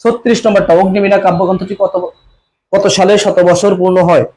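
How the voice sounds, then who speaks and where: A young man leads a live exam-prep class online. His voice sits high and he talks fast. He circles back to each question again and again, urging viewers to type their answers. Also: steady tone, darkish tone. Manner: repetitive, coaxing, repeats questions and urges comments. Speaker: admission coaching teacher.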